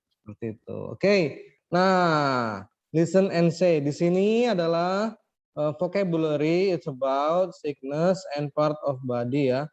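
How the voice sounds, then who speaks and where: Male teacher, slightly high voice, very slow, patient explainer, dull video-call audio. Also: a little mellow. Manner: patient, explains slowly, keeps checking with the class. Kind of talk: online English lesson for children.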